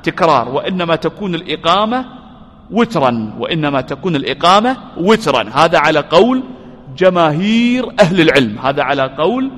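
Man, high voice, religious lesson, rhetorical questions, repeats key points, long hall reverb. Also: sing-song, fairly quick, fairly bright tone. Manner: asks rhetorical questions and answers them; repeats key phrases for emphasis. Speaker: religious teacher.

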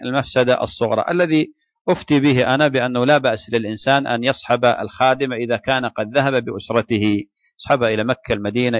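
A man, an Islamic scholar, answers questions in a religious lecture at a quick pace. His delivery is deliberate, with frequent restarts. The sound is dry and a little dull. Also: mid-range voice, no echo.

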